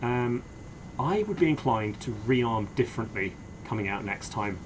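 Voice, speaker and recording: A man with a mid-pitched voice gives game comms as a helicopter pilot. His phrasing is measured and understated, part casual chat and part radio procedure, with clear aircraft noise behind. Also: lively intonation.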